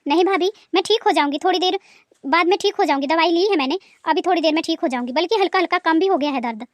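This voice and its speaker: A woman's voice: very high voice, quick pace, no echo. A woman voicing a lazy young daughter-in-law who fakes illness and talks in a whiny, complaining way. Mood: pleading.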